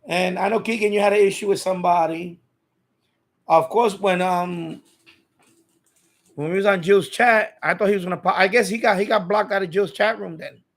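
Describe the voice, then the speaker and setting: This man hosts a casual live stream for a radio hobby channel, chatting informally with his chat, rambling and often repeating his phrases. His voice is high-pitched and steady, at a moderate pace.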